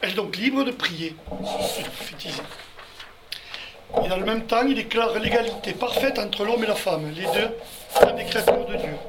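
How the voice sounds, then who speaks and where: A man with a high-pitched voice and lively intonation leads a group Bible study, moving through the verses step by step at a moderate pace and addressing his listeners directly. The recording is very noisy.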